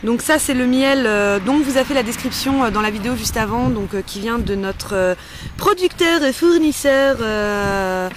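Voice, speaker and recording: Background noise accompanies a woman hosting a do-it-yourself beauty-care tutorial, explaining each step casually and playfully in an informal, chatty style. She speaks at a moderate pace in a fairly high voice.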